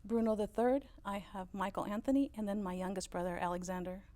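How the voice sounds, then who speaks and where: A business owner in her fifties, a native German speaker, shares family stories as a guest in a relaxed interview, warmly recalling them with many "uh" fillers. Her mid-range voice is fairly quick with fairly even intonation.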